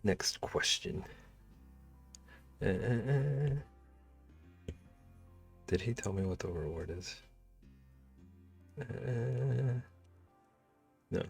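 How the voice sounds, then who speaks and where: A man's voice: medium pitch, lively intonation, drawn-out words, vocal fry, long pauses. A man streaming live while he draws, chatting casually and humming and muttering to himself as he works. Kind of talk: casual chat while drawing. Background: faint background music.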